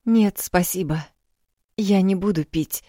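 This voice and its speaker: A woman's voice: mid-range voice, slow pace, mellow, no room sound, studio quality, pitched above the performer's own voice. A woman reading a tearful young runaway wife. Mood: subdued. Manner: subdued, hesitant. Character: young pregnant wife fleeing, tearful, quiet.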